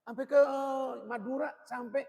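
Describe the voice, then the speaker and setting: A man's voice: extremely high pitch, steady tone, normal speed, gravelly, darkish tone. A man preaching a colloquial sermon, blunt and joking, in street slang. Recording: long hall reverb.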